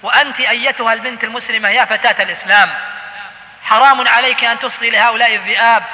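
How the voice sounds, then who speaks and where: High-voiced male preacher lecturing hard, long reverb like a big hall. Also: highs cut off. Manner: impassioned, admonishing storytelling. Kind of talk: sermon.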